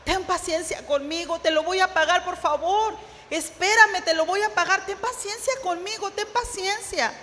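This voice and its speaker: A woman's voice: very high-pitched, moderate pace, bright, forceful tone, long reverb tail, voice pushed up. A woman preacher voicing a desperate male servant who keeps pleading with his king for patience. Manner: pleading, repeated begging.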